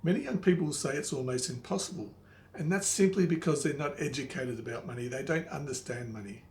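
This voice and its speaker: A man's voice: a little high, fairly quick. An older man giving a motivational lesson straight to the listener like a wise old mentor, plain-spoken and didactic, repeating key phrases for emphasis. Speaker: money coach, presenter. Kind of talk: motivational instructional monologue to the viewer. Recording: echoey room, faint background noise.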